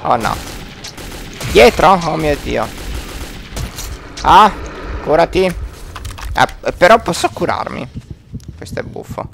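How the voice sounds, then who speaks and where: A man hosting a let's play, talking over his gameplay with lots of exclamations and jokes. His voice is gravelly and somewhat high, with a lively, bouncing pitch. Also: slow, pauses often, slight background noise. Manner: chatty, exclaiming, joking at the game. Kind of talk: gameplay commentary.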